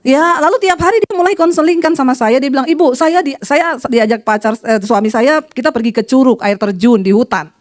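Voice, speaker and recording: A woman pastor preaching a sermon in an animated storytelling manner, acting out the voices of people in her stories. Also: a little fast, few pauses. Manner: animated storytelling, quoting voices with shifts in pitch.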